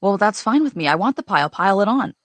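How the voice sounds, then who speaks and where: A woman's voice: mid-range voice, lively intonation, fast, dry recording, pitched above the performer's own voice, close to an everyday voice. A woman reading the lines of an insistent, pleading young man in her memoir. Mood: eager. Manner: insistent, questioning.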